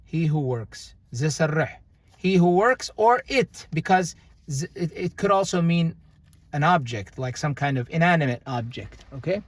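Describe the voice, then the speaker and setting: A man's voice: fairly high pitch, lively intonation, no room sound. A young man teaching a casual grammar lesson, explaining unhurriedly with frequent fillers and restarts. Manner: unhurried, halting, with many fillers. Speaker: language teacher.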